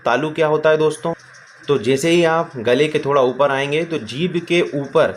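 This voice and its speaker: A male teacher giving a grammar lesson, who keeps asking questions and answering them himself, addresses viewers as friends, and slowly stretches out sounds as examples. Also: medium pitch, slight background noise.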